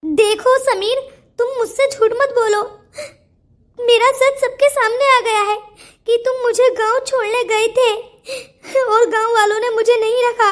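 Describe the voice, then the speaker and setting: A woman's voice: extremely high pitch, fairly even intonation, moderate pace. A woman voicing a distressed, tearful young orphan woman in a cartoon story. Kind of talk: cartoon voice acting.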